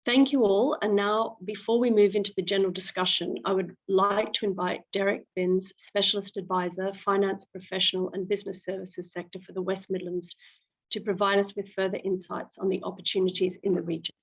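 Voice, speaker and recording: A woman moderating a roundtable over a video call, measured and formal as she reads out names and titles. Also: medium pitch, level tone, dull audio. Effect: heard over a video call.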